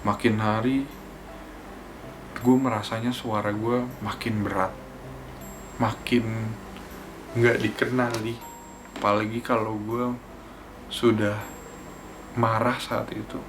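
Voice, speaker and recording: A man's voice: fairly low pitch, level tone, slow, pauses often, background noise. A young man from Indonesia with a Jakarta accent, telling a personal experience in casual vlog style and acting out the lines he quotes. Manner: slangy, fervent, acts out quoted speech. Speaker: vlogger. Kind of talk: casual spoken storytelling.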